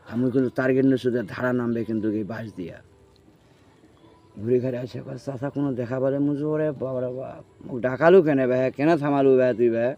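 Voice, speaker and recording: In casual chat, a man with a rural northern Bengali dialect recounts his own experience, acting out the dialogue and checking that the listener follows. His voice is mid-range and warm, caught on a muffled, noisy field recording.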